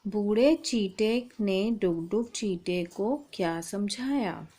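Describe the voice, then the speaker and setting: A woman teaching young children a Hindi lesson. She speaks slowly and patiently and says each sound and word on its own, at a middle pitch. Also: dark tone. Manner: slow, patient, spells out sounds.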